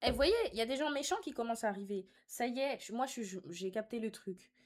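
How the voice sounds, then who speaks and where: A young, sassy woman live streams casually, reading viewer comments and answering them with teasing, slangy banter. Her voice is on the high side, animated and fast.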